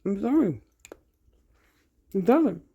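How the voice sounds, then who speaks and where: A woman's voice: mid-range voice, big pitch swings, slow, warm tone, husky, lo-fi sound. A woman chatting casually to her viewers while baking at home in her kitchen, sometimes with her mouth full. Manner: chatty, talks to viewers while cooking, hums while tasting; talks with mouth full at times.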